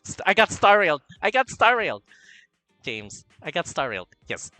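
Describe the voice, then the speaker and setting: This streamer, a man from the Philippines, has a high-pitched voice and speaks at normal speed. Soft background music plays, with no echo, while he casually reads chat aloud on his livestream, campy and animated, shifting between quiet mumbles and excited bursts.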